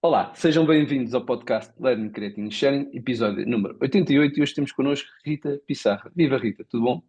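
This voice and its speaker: A man's voice: mid-range voice, fast talker, darkish tone, breathy edge, dull audio. A man with a European Portuguese accent hosting a podcast, interviewing in a casual, conversational way. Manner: informal, conversational. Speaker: podcast host.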